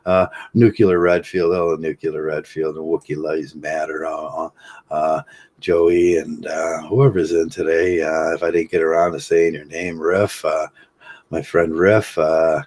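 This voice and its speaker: Man, very low voice, casual livestream host, rambling, lots of fillers, chuckles at his own jokes. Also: level tone, unhurried, a little mellow.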